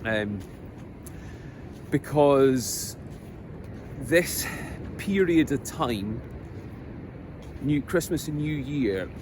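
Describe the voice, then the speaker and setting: A middle-aged man with a Scottish accent reflects on his life out loud, halting and earnest, filling his pauses with ums. He records outdoors near the sea, with clear noise from vehicles and the street around him. His voice sits at an ordinary male pitch. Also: lively intonation. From Scotland. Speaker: vlogger. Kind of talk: reflective personal monologue. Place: outdoors on a coast. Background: outdoor noise, passing vehicles.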